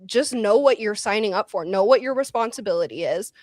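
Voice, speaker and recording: A woman chats casually on a panel and gives practical advice, with plenty of fillers as she goes. Her voice sits at a middle pitch. The recording is dry and close, with no room sound. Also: lively intonation, brisk, a little mellow, dry recording. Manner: chatty, advice-giving, many fillers.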